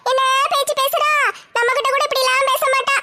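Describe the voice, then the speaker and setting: Shrill, bright, flat-toned gossip with one eye, spiteful and meddling, in a comedy skit. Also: female voice, fast, exaggerated voice. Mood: gossipy. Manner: accusing, taunting village gossip.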